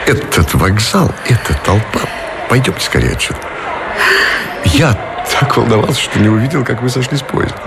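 An actor playing a courteous, weary middle-aged admiral in love, in a Russian radio drama. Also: male voice, mid-range voice, expressive, moderate pace, vocal fry, heavy background noise. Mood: agitated joy.

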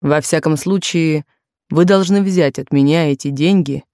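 A woman voicing an insistent, possessive wealthy man courting a young maid, in a lowered, slow, pressing voice in a dry studio recording. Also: fairly even intonation, mellow, no echo.

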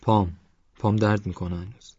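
A man narrating a storybook, voicing a sleepy, anxious young boy with a sore foot, in a higher, eager questioning voice. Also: steady tone, warm tone, breathy edge, no room sound. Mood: anxious questions. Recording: dry, slightly dull recording.

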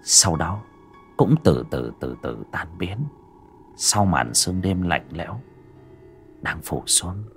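A man's voice: sits low, lively intonation, slow, long pauses, soft background music. A man narrating a horror audiobook with dramatic storytelling.

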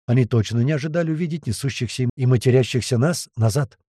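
A man narrating a first-person audiobook with vivid, lively storytelling. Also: mid-range voice, fast talker, slightly rough, dry recording, clean studio sound.

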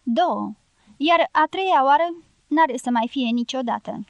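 A woman reading an audiobook voices a bossy, forceful middle-aged matriarch who gives curt, scolding retorts. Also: high-pitched, animated, dry recording, dull audio. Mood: gruff.

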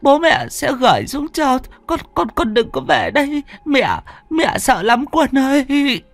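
A frightened old village mother, acted by a woman, her high voice cracking into gravelly fry as she stammers. Her words tumble out in anxious repeats, rising and falling sharply. The sound is dry and close, with faint music under it. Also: very animated, unhurried, dry recording, exaggerated voice. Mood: terrified pleading. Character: terrified elderly village mother. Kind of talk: storytelling role voice.

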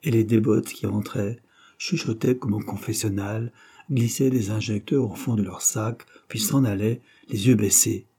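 A man narrating a classic novel as an audiobook reader, in a measured, literary way. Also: on the low side, mellow, breathy edge.

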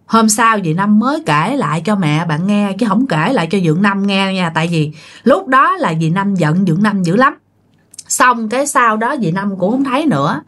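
A woman with a medium-pitched, slightly bright voice tells a ghost story in a chatty way, speaking directly to her listeners.

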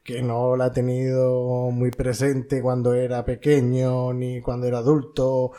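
A Spanish man with a mid-pitched, dark and mellow voice, chatting about films on a podcast. He retells scenes with lively storytelling energy. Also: measured pace. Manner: animated storyteller, quotes lines in voices. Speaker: podcast co-host. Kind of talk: casual film chat.

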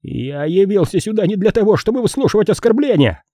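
A man voicing a nervous, shrill little male police officer who is easily offended, in an audiobook reading. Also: sing-song, a little fast, mellow, no room sound, clean studio sound. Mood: shrill, threatening. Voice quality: shrill, shrieking. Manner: prim, indignant, easily offended.

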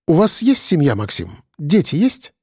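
A man voicing a slick, eager male realtor pitching an apartment in a wheedling way. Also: wildly swooping pitch, normal speed, warm tone, breathy edge, dry recording, clean studio sound, heavily acted. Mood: salesy. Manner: wheedling, salesy.

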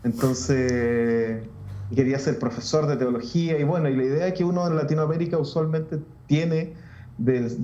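A Chilean man, a Lutheran pastor, talking reflectively in a casual interview with many restarts and pauses. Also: medium pitch, dark tone, echoey room, lo-fi sound.

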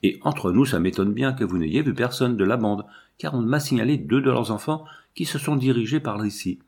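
A man's voice: mid-range voice, moderate pace, darkish tone, breathy edge. A man reading aloud and voicing a grave, officious country gendarme who questions children. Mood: matter-of-fact. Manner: grave, interrogating.

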